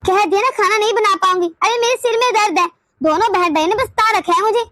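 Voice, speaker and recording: A woman's voice: extremely high pitch, quick pace, a bit bright, dry recording. A woman voicing a tired old grandmother in a cartoon, complaining of a headache and grumbling. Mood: weary complaining. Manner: weary, complaining. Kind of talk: cartoon dubbing.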